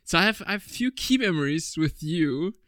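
A man's voice: on the high side, expressive, a little fast, fairly bright tone, no echo, studio quality. Chatty young man hosting a podcast. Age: 20s. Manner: chatty and rambling, laughs often. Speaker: podcast host. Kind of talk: casual chat.

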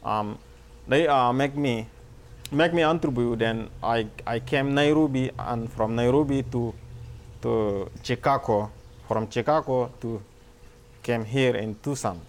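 Male, Sudanese accent, non-native English, mid-pitched, slow and halting personal storytelling. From Darfur, Sudan. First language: not English. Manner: halting, simple learner's English with repeated words. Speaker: refugee volunteer, former farmer.

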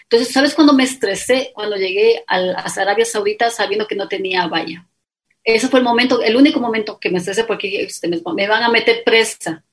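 A woman's voice: mid-range voice, quick pace. A woman recounting a personal travel story in a casual interview, acting out the lines she and others said. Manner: lively anecdotal telling with quoted dialogue. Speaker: guest.

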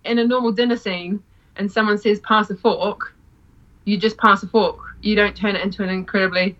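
A woman's voice: mid-range voice, steady tone, quick pace, fairly bright tone, dull audio. A woman who teaches improv, chatting casually, laughing often and acting out quoted lines. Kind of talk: casual podcast chat.

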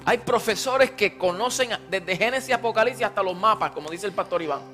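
A preacher giving a sermon in short phrases, pausing for an interpreter, with some halting restarts and emphatic peaks. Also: mid-range voice, a bit bright, soft background music.

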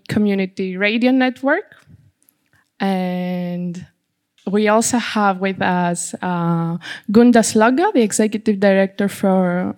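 A woman with a Greek accent introduces a live panel as its moderator. She takes her time at a medium pitch, pausing now and then to find the next word. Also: a little mellow. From Greece.

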